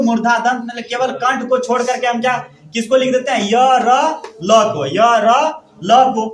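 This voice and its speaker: A male teacher drilling a lesson, asking questions and answering them himself with steady repetition. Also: very high-pitched. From India. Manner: asks questions and answers them himself, repeating each point. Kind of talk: classroom grammar lesson. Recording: echoey room.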